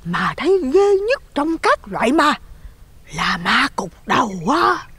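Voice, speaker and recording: A man's voice: very high-pitched, big pitch swings, measured pace, pushed and bright, voice pushed up, exaggerated voice. Man voicing a gossipy old village woman. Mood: lecturing. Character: gossipy plump village woman in her sixties, loud, nosy.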